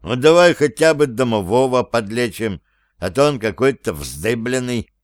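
A man's voice: mid-range voice, animated, moderate pace, no room sound, clean studio sound, natural voice. Man reading a fussy potion brewer. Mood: disappointed.

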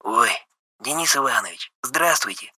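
Jumpy young underling, read by a male narrator, high and bright, husky edge. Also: lively intonation, normal speed, heavily acted. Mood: flustered. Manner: startled, eager to please. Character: young male subordinate, eager and flustered.

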